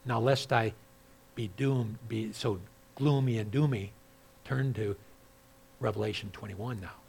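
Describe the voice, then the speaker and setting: A man preaching a sermon as pastor, dropping to quiet asides and then rising loud and high when he reads scripture aloud. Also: steady tone, a little slow, gravelly, slight background noise. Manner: swings from hushed asides to loud, high-pitched emphatic scripture reading.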